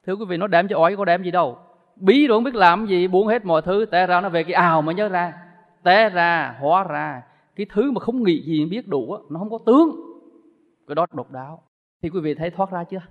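A man giving a Buddhist sermon to an audience, with lively, emphatic rises and falls in his voice. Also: high voice, brisk. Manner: lively, rising and falling emphatic delivery. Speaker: Buddhist teacher. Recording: dull lo-fi recording in a reverberant hall.

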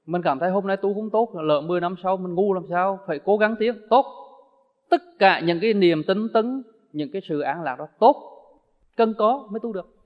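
A man preaches a Buddhist dharma talk, his voice pitched high. He is animated and slips into little acted-out dialogues. The sound is dull and lo-fi, with a long echo hanging in a hall. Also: normal speed. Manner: animated, acts out everyday dialogues. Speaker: Buddhist monk teacher.

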